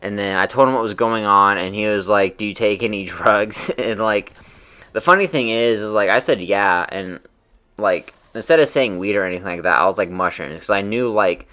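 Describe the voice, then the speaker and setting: Young man, low bright voice, rambling casual storyteller, lots of filler words and swearing. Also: moderate pace.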